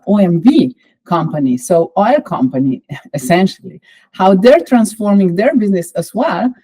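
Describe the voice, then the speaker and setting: Slovenian-accented woman lecturing, mellow voice. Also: mid-range voice, poor audio. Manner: measured, explanatory, with frequent fillers. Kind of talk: online course lecture.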